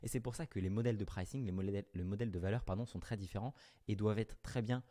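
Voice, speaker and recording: A man with a lowish voice and dark tone talks to the camera, coaching viewers on business offers. He's quick and to the point, correcting himself mid-explanation.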